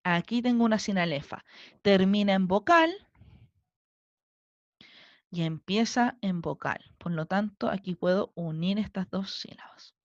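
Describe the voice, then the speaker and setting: A woman's voice: mid-range voice, lively intonation, a little slow, pauses often, no echo, lo-fi sound. A woman teacher with a Chilean Spanish accent, giving a recorded lesson and patiently counting syllables aloud step by step. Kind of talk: recorded online class lesson.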